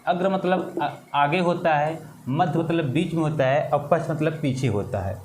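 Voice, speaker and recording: A man teaching an exam-prep lesson, slow and repetitive, drawing out vowel sounds. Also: on the high side, a little mellow, a little hiss or hum.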